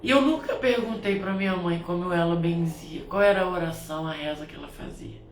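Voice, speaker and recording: A woman who performs spiritual blessings speaks at home in a fairly low, brisk voice. Her heartfelt reflection rambles, and she keeps restarting her sentences. The recording sounds roomy and distant from the mic, with faint ambient noise.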